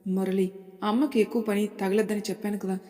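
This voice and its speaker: An emotional, earnest young man in a storybook drama, read by a woman narrator. His lines press forward with urgency and stay at a middle pitch. The recording has a long, roomy reverb. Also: little pitch movement, brisk, mellow, natural voice. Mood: urgent. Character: young rich man, anxious, emotional son.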